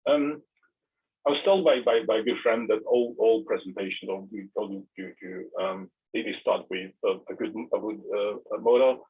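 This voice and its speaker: A man in his thirties from Romania, giving an online tech presentation in a halting way, often repeating words before going on. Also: fairly low pitch, slightly rough. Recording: tinny, phone-like narrow audio.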